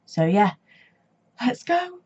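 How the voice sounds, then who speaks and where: This reaction vlog host, a young woman, is fighting a cold that has left her stuffy-nosed with a sore throat, so her casual chat comes out hesitant, riddled with ums and false starts. She speaks slowly in a slightly high, somewhat mellow voice with big swings in pitch. The lo-fi home recording sounds dull, with slight background noise.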